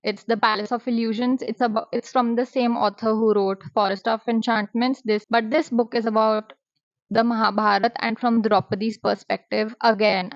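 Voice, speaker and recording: A woman, talking through book reviews in a chatty, expressive vlog style. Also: mid-range voice, dry recording. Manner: chatty, expressive, drops in Hindi words. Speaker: booktuber. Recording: dry, slightly muffled.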